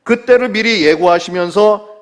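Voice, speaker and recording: A middle-aged male pastor preaching a sermon, asking the listeners questions and answering them himself, dropping low to quote scripture. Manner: drops low and slow to quote scripture, rises when stressing a point.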